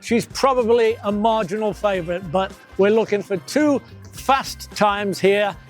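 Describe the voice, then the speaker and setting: A man narrating a measured, analytical preview of a half marathon field. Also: high-pitched, faint music behind. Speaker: commentator. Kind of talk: scripted race preview narration.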